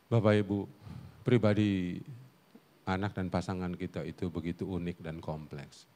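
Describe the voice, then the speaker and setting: A man's voice: low-pitched, normal speed, slight background noise. A middle-aged man preaching a humorous sermon on family life at a church Sunday service. He tells stories, asks the congregation questions and laughs along with them. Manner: animated storytelling with audience questions and laughter. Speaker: guest preacher and counselor.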